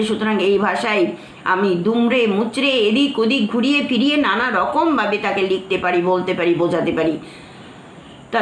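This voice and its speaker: A woman teaching literature, her voice at a middle pitch. She reads a passage aloud, then breaks it down, saying phrases twice. The room echoes around her, and a faint hiss runs underneath. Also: a bit bright. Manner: reads a line, then explains it, often repeating phrases. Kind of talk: explaining a literature text to students.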